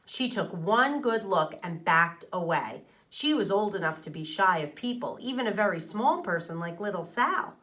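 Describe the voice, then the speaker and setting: With a lowish voice at normal speed and hardly any pauses, a woman teacher expressively reads a children's storybook aloud, stopping to explain things to young listeners and put questions to them.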